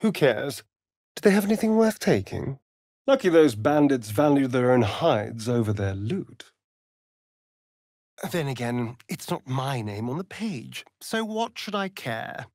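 Wry and casual, this sly vampire rogue from a fantasy game speaks in a mocking, arch drawl that's slow and theatrical, his darkish, sing-song voice swooping freely. It's recorded dry and close with no room sound, and every vain aside is savored.

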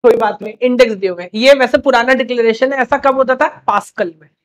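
During a live class, a young man keeps students engaged with quick quiz questions and lighthearted scolding. His pitch is extremely high.

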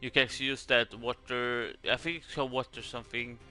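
A man's voice: mid-range voice, steady tone, brisk, pushed and bright, faint music behind. A man from Sweden with a Swedish accent gives casual game commentary in a hesitant, rambling way, repeating words as he goes. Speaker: gaming video creator.

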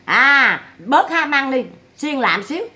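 A woman's voice: sits high, sing-song, takes it slowly, bright, forceful tone. A woman, scolding and mocking someone in a vlog monologue full of rhetorical questions. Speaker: vlogger commenting on family drama.

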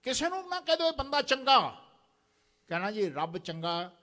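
A man's voice: very high-pitched, sing-song, normal speed, bright, forceful tone. A man preaching a sermon in a large temple prayer hall, exhorting the congregation and having them repeat lines after him. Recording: long hall reverb.

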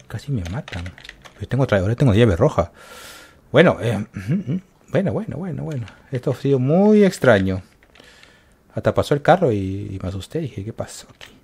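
A man's voice: medium pitch, a little mellow, breathy edge. A man giving casual gameplay commentary, muttering to himself and calling out to his viewers. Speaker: gaming channel host.

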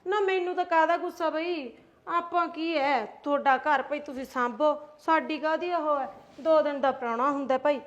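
ਇੱਕ ਔਰਤ ਨਾਰਾਜ਼ ਨਨਾਣ ਦਾ ਕਿਰਦਾਰ ਨਿਭਾ ਰਹੀ ਹੈ, ਪੰਜਾਬੀ ਲਹਿਜੇ ਵਿੱਚ ਤਨਜ਼ ਭਰੇ ਸਵਾਲਾਂ ਨਾਲ।. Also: female voice, high voice, moderate pace, highs cut off, lightly acted. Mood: sulky. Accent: Punjabi. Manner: sarcastic, aggrieved, tag-questions. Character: resentful sister-in-law, grown woman, touchy. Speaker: husband's sister. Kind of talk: homemade family skit.

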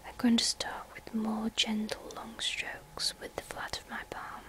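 Whispered role-play, slow soothing massage therapist woman acting. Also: a little high, monotone, close to an everyday voice. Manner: soft-spoken, slow, soothing, reassuring. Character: gentle, soothing female spa massage therapist.

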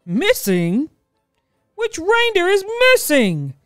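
Woman putting on a booming, high-pitched jolly storybook Santa. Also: huge pitch swings, slow pace, no room sound, clean studio sound, faint music behind, full character voice. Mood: puzzled. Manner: hearty, blustering exclamations. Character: jolly, booming old man Santa Claus. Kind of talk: children's storybook read-aloud.

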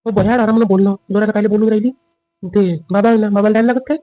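A man playing a dutiful husband and son in a family drama skit, with a rapid, lecturing manner. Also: high-pitched, steady tone, dark tone, dry recording, highs cut off, lightly acted. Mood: placating.

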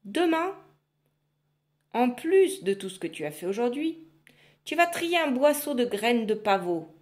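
A woman voicing a menacing old witch in a storybook reading, loud and growling. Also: a little high, big pitch swings, measured pace, pitched above the performer's own voice. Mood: threatening.

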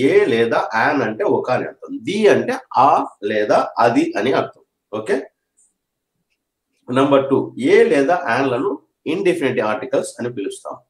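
Man teaching grammar in an echoey room. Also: mid-range voice. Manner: repeats points, checks understanding often. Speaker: English teacher. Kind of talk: classroom grammar lesson.

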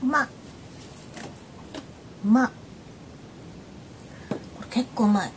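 Woman, soft whispery ASMR snack chatter, candy apple at her lips, close mic, audible rumble. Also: takes it slowly. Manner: soft murmuring, often whispered, casual chatty. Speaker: ASMR eating vlogger.

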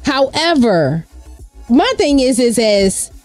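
Lively, emphatic woman podcast co-host. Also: fairly high pitch, slow pace, soft background music. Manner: emphatic, conversational, repeats herself to make a point. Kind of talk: casual podcast discussion. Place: small home podcast studio. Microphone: close microphone on a boom arm.

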